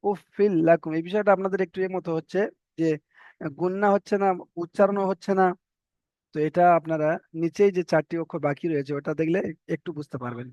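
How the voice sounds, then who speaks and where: A man with a fairly high voice teaches a reading lesson, spelling out each letter and syllable in a slow, drawn-out way and stopping again and again to check that his students follow. The sound is dry and a little dull. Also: a little mellow, no room sound.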